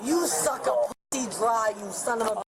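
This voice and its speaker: A woman's voice: on the high side, moderate pace. A drunk woman arguing belligerently and swearing in a heated confrontation. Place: busy airport terminal. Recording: noisy crowded public space, loud background din.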